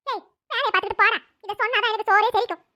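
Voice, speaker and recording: A boastful old village mother in a cartoon, sharp-tongued and spoiling for a fight, voiced by a woman. Her voice sits very high and shrill. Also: very fast. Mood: brash. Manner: brash, combative.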